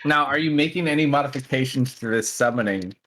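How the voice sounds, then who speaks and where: Male game master, relaxed scene narration, middle-pitched voice. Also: quick pace.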